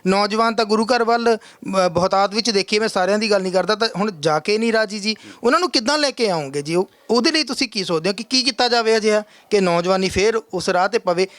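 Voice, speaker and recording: A man's voice: sits high, fast talker, few pauses, fairly bright tone, no room sound. A man interviewing a religious guest for a news channel, asking his questions eagerly.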